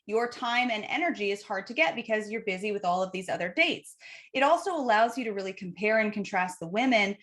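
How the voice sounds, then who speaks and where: A woman's voice: medium pitch, animated, fairly quick, fairly bright tone. A woman dating coach hosting an advice video, talking instructively to the viewer and stressing her key words. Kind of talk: advice video to camera, numbered tips.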